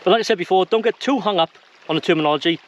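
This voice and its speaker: In a high, racing voice, a man talks viewers through an informal how-to video. His delivery is plain-spoken and conversational.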